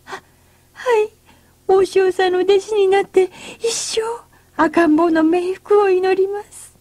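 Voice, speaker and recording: A woman voicing frightened young village men who plead in a high, panicky voice. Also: big pitch swings, very slow, darkish tone, full character voice.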